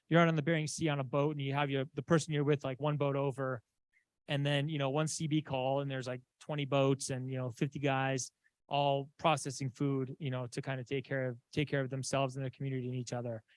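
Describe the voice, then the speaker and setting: A man from Southeast Alaska giving a conference slide talk, halting with many fillers and restarts. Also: mid-range voice, no echo. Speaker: conference presenter. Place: conference room.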